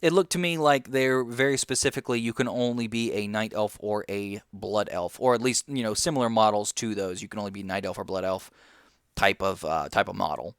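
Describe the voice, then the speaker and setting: Guy rambling about a game expansion, smooth clear voice, dry close mic, lots of ums. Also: lowish voice, fairly quick, no room sound. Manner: rambling, lots of ums and uhs, chewing gum. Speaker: gaming commentator. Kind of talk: casual video game commentary.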